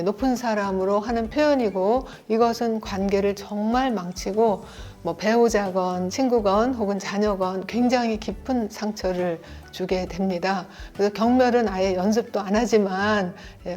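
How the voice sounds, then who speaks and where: A middle-aged woman giving a parenting lecture, explaining in a calm, steady way and acting out short parent and child lines. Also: medium pitch. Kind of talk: educational lecture video.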